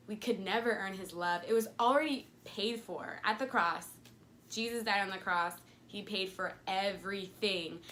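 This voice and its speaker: Chatting casually to camera, a young faith vlogger speaks earnestly about her faith and performs small quoted voices as she goes. Her mid-range voice has a fairly bright tone, and there's slight background noise.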